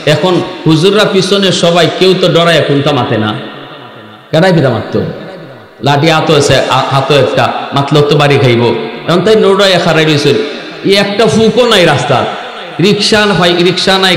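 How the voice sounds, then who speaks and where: A man from Bangladesh with a Sylheti-tinged Bengali accent, giving a storytelling sermon that climbs to high, sing-song peaks and asks the crowd to answer. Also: a bit bright. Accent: Sylheti-influenced Bangladeshi Bengali. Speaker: Islamic preacher. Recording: echoey hall with long reverb.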